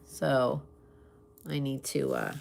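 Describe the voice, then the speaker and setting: A woman chatting casually in an unhurried, conversational way, with pauses as she replies to listeners. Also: rumbling low, little pitch movement, creaky, a little mellow. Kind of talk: casual chat.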